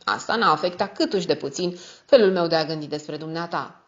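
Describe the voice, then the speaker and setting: A woman's voice: sits low, dull audio, close to an everyday voice. A woman reading the lines of a tough, wry male private detective in a dry, terse manner.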